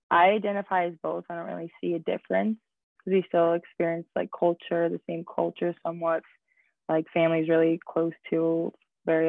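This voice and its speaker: A woman's voice: lowish voice, creaky, no echo. A young woman student athlete talking casually in a rambling way, full of fillers. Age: young adult. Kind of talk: casual discussion. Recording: tinny phone-like line.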